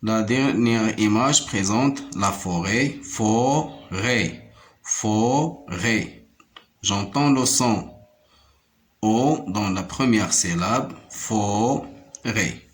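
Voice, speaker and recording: Man, primary teacher, very slow and deliberate, fairly low voice, repeats words syllable by syllable. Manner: repeats each word slowly and counts syllables aloud; switches between French and Arabic explanations. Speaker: primary school French teacher. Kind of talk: slow classroom-style lesson.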